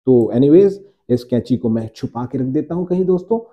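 A man teaching English grammar to his viewers, slowing down to repeat each example sentence. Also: medium pitch, expressive, dark tone, lo-fi sound. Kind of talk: Hindi-language grammar lesson.

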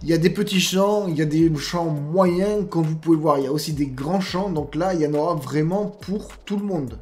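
Talking a little fast, a gaming YouTuber with a non-standard French accent comments casually on gameplay while reviewing mods. His voice is slightly high and slightly mellow, and he's chatty, with lots of fillers and asides to viewers he calls "guys."

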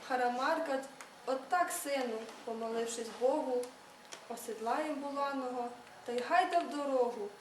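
A woman's voice: high voice, moderate pace, slight background noise, natural voice. A young woman reading an old Cossack father's advice. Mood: advising. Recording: echoey room, read from far off.

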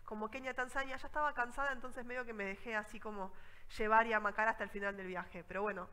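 Una mujer con acento rioplatense que da una charla de viajes y cuenta anécdotas con viveza, imitando a la gente de sus historias. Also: female voice, fairly high pitch, fast, big-room sound, rough recording. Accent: Rioplatense Spanish. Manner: lively storytelling, acts out scenes. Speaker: travel speaker. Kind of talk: conference talk with anecdotes.

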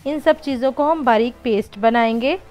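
This home cooking channel host speaks at normal speed in a slightly high, darkish voice, with faint music behind her. In her voice-over she patiently explains every step of the recipe, often calling viewers friends.

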